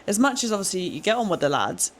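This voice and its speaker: A woman in her twenties with a British accent, co-hosting a casual podcast chat, chatty and quick to laugh. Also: mid-range voice, very animated, a little hiss or hum. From England. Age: 20s. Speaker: podcast co-host.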